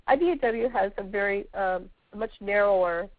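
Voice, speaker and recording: A woman with a scratchy voice from a sore throat and a sniffly cold, answering questions haltingly as a guest on a conference call. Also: mid-range voice, no room sound. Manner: halting, searching for words. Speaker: guest speaker, veterans' organization representative. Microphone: telephone. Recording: tinny, narrowband phone line.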